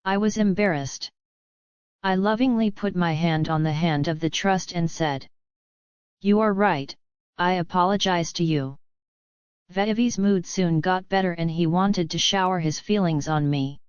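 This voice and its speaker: Low-pitched woman reading a story. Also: normal speed, a little mellow, clear, resonant tone, no echo, dull audio. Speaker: narrator. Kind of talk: storybook narration.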